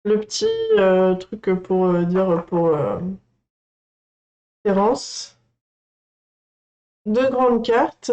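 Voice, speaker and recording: A woman hosting a coloring channel, gushing and excitable as she unboxes on a casual livestream and chats to her viewers. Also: medium pitch, drawn-out words, pauses often, low-quality recording.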